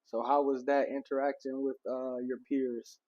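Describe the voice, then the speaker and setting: Male host, mellow warm tone, lo-fi dull sound, easygoing interviewer. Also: mid-range voice, normal speed. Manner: relaxed, affirming with short "okay" and "yeah" replies. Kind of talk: casual interview conversation. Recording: dull lo-fi recording.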